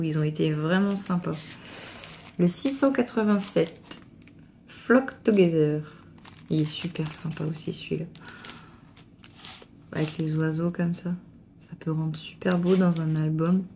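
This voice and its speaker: Woman, gushing crafting vlogger, low gravelly voice, faint noise behind, casual unboxing chat. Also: a little slow, pauses often. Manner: excited, gushing, stumbling restarts.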